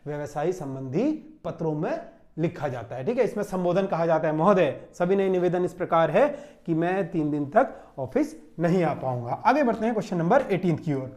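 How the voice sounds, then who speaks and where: A young male teacher a raised, fairly high pitch walks students through exam questions at a board. He drills each point by asking a rhetorical question and answering it himself, over and over. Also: animated, fairly quick, a little mellow. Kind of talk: classroom exam-solution lecture. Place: classroom standing at a board.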